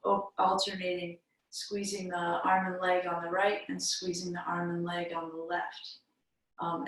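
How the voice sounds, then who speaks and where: A middle-aged woman leading a guided breathing meditation as an instructor, speaking gently and unhurriedly with long pauses. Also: lowish voice. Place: indoor room, seated before a painted screen. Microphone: far camera microphone. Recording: echoey room, distant microphone.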